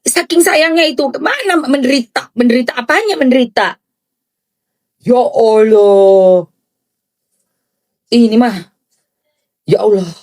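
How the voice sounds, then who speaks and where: A woman giving excited, gushing reaction commentary on celebrity gossip in chatty slang. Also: fairly high pitch, takes it slowly, long pauses.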